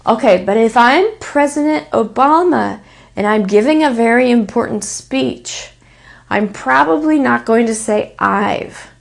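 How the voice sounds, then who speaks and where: This is a woman with a Texan American accent giving an English pronunciation lesson. She speaks slowly and deliberately, repeating example sentences and stressing the important words. Her voice sits a little higher than most women's. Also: expressive, vocal fry. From Texas.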